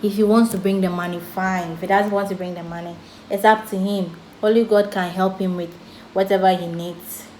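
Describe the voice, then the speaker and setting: A woman's voice: mid-range voice, fairly even intonation, fairly quick, darkish tone. A young woman with a Ghanaian English accent telling a storytime vlog in a chatty way, laughing off serious things. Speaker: vlogger. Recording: echoey room with faint background noise.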